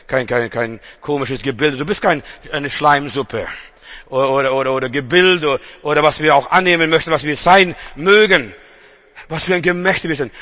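Emphatic preacher man, bright voice. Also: on the high side. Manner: emphatic, repetitive, swings between loud proclamation and quiet intensity. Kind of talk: sermon.

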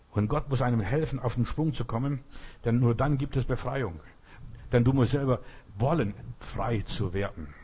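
Husky-voiced older male preacher. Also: medium pitch, a little mellow. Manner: informal preaching, often asks "verstehst?", tells personal stories. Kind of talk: sermon.

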